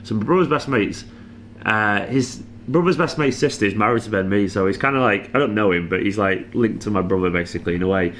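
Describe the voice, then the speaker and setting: A man's voice: lowish voice, a little fast, a bit bright, slight background noise. A hungover, exhausted man giving a casual, weary football reaction as a fan channel host. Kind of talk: casual post-match reaction monologue.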